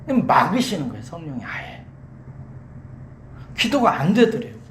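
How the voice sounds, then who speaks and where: Animated pastor preaching in an echoey church. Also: medium pitch, normal speed, a little hiss or hum. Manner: animated storytelling with rhetorical questions to the congregation. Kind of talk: sermon. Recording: echoey church hall, faint ambience.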